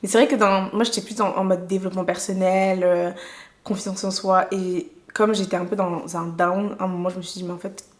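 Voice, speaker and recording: A woman's voice: fairly low pitch, level tone, a little fast. A young woman from France chatting casually to camera as a vlogger, slangy and full of restarts. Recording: echoey room.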